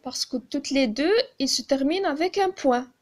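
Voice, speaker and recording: A woman with a Moroccan accent teaching a grammar lesson, speaking slowly and deliberately and repeating key terms. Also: high voice, animated. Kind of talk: classroom-style grammar lesson.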